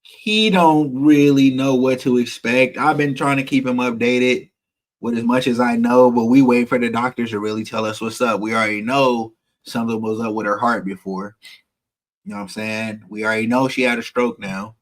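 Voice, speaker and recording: A man's voice: medium pitch, fairly even intonation, moderate pace. A man vlogging a personal story to viewers, candid and emotional, swearing freely.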